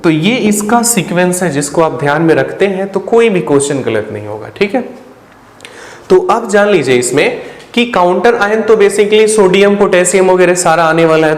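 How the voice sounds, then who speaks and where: A man giving a patient, explanatory chemistry lecture for an online class, often pausing to check that students are following. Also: on the high side. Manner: patient, explanatory, ends phrases with a checking "ठीक है". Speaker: chemistry teacher. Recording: roomy with a long reverb tail.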